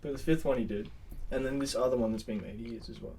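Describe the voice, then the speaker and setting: A young Australian man co-hosting a casual podcast with friends, swearing and bantering loudly. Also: mid-range voice, quick pace. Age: young adult. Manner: loud, swearing, laughing banter. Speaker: podcast co-host. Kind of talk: casual chat among friends. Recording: distant mic with noise.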